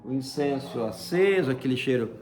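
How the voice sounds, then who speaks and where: A man's voice: mid-range voice, expressive, moderate pace. A man casually telling a personal story in a chatty way, often tagging "né?" and using fond diminutives. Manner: chatty, fills with frequent "né?"; uses many fond diminutives. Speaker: storyteller recounting a personal experience.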